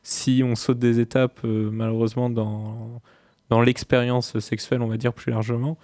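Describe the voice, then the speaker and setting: A man's voice: medium pitch, level tone, moderate pace, a little mellow, no room sound. A man from France on a discussion panel, speaking casually in a hesitant, tentative way.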